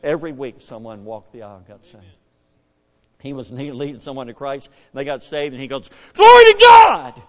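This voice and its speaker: Animated older preacher in echoey church. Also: male voice, brisk. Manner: animated, swings from hushed to booming. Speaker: pastor. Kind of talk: storytelling sermon.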